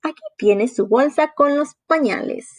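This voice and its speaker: A woman voicing a gentle mother frog. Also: sits high, measured pace, voice pushed up.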